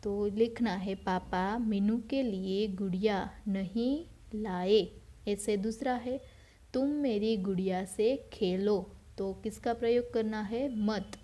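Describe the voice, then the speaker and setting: A schoolteacher, a woman, walks young pupils through a language lesson at an unhurried pace. Her voice is soft and mellow. She repeats each word and quizzes the class before giving the answer herself. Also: mid-range voice. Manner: slow, patient, repeats words and asks then answers her own questions. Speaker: school teacher. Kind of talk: recorded Hindi grammar lesson for children.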